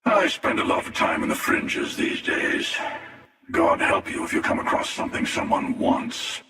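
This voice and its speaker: An actor playing a menacing, arrogant, world-weary hunter villain in a video game, with a gravelly voice and a deliberate, sardonic delivery. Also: male voice, sharp tone, faint music behind, close to an everyday voice. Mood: grim, world-weary. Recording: echoey, long reverb, distant.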